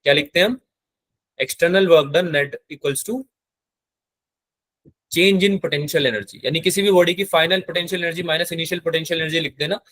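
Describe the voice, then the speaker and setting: A male physics teacher lectures, switching between Hindi and terms. His voice sits a little high, and the sound is dry and close. He keeps stopping to quiz his class. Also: fairly even intonation, moderate pace, long pauses, a bit bright, dry recording. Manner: asks the class frequent check questions; mixes English terms into Hindi.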